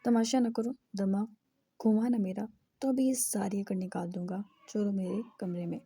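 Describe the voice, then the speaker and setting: A woman's voice: mid-range voice, fairly even intonation, moderate pace, warm tone, breathy edge. A woman voicing a short-tempered young man in an audiobook who speaks curtly and threateningly. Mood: angry. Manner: curt and threatening.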